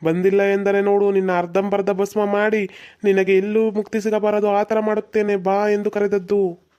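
A stern old exorcist priest in a cartoon, speaking in a flat, dark, measured voice and summoning a spirit with slow formal commands. A performer puts him on. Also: mid-range voice, smooth, highs cut off, natural voice. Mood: commanding.

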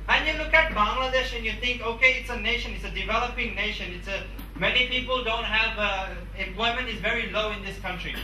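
An English man in his twenties delivers an emphatic, repetitive motivational talk to students in a large conference room, speaking into a handheld mic. His voice is high, fairly quick, bright and forceful, picked up by a far-off camera in an echoey room with a little hiss or hum.

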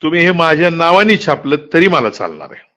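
This is a recorded phone call in which a middle-aged man discusses politics frankly, making points with emphasis and posing rhetorical questions. His voice sits a little high and sounds a bit bright, and he's very animated, talking slightly quickly.

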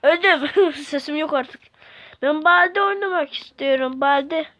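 A woman commentating as she plays a video game, excitable and grumbling at the game as she goes. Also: sits high, unhurried. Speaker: gamer. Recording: dull lo-fi with loud noise.

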